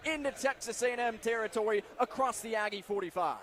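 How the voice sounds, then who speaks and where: Calling American football live on the radio from the stadium broadcast spot, this man has a very high, fairly bright voice and talks fast. He narrates the action in clipped present-tense phrases, with faint crowd noise behind him.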